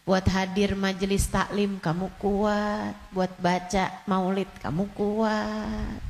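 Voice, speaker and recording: A woman's voice: medium pitch, a little mellow. A woman in her forties from Indonesia, preaching a sermon with repetitive, emphatic exhortation. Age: 40s. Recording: long hall reverb.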